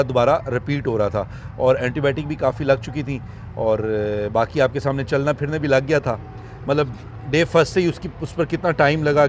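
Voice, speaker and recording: A man's voice: mid-range voice, a little hiss or hum. A man, filming outdoors at his animal farm, soothing and coaxing his animals and speaking sorrowfully to his viewers. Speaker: wildlife farm owner and vlogger. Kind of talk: casual vlog talk to camera.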